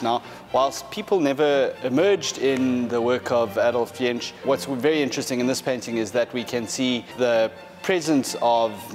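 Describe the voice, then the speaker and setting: A man in his thirties, an art specialist, talking through paintings in a large gallery hall in a measured, explanatory way, with frequent fillers and restarts. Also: medium pitch. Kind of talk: gallery presentation.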